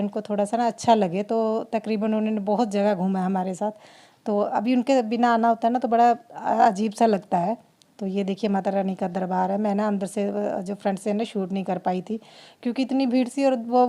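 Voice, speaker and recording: Indian woman vlogger, chatty and rambling, gravelly edge, mellow tone. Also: medium pitch. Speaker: family vlogger. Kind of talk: casual vlog narration.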